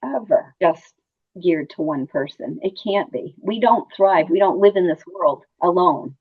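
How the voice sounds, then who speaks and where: A middle-aged woman speaks in a fairly low voice over a narrow, phone-like connection. She sounds like a nurse in an interview, talking conversationally and repeating words to stress her point. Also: lively intonation, unhurried, breathy edge. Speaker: hospice nurse interview guest. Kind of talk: conversational personal storytelling. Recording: muffled phone-like line.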